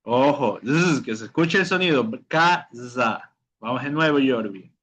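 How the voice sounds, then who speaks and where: A man's voice: mid-range voice, lively intonation, a little fast. A man teaching a beginner language class, drilling pronunciation, repeating words and checking in with "ok?". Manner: calls on students by name. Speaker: Portuguese teacher.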